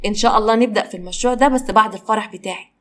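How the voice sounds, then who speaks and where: A woman's voice: medium pitch, very fast, close to an everyday voice. A woman voicing a confident male boss who talks in a firm, teasing way, with an Egyptian accent. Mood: businesslike. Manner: bossy, teasing.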